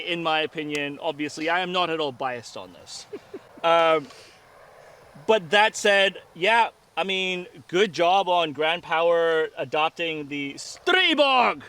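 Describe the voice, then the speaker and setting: Guy reviewing guns outside, casual chat, voice on the high side, mic a bit far. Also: a bit bright. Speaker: firearms review host. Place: outdoor shooting range. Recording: distant mic, faint outdoor noise.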